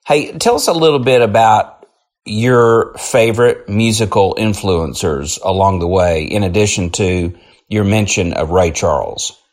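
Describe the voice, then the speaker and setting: A man's voice: on the low side, a little slow. A man hosting an interview show, introducing his guest in an upbeat, effusive way. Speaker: host.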